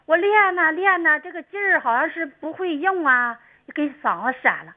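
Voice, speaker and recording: High-voiced chatty Dalian woman. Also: animated, normal speed. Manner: rambling, laughs often. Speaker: call-in guest. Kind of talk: chatty storytelling. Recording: dull lo-fi sound.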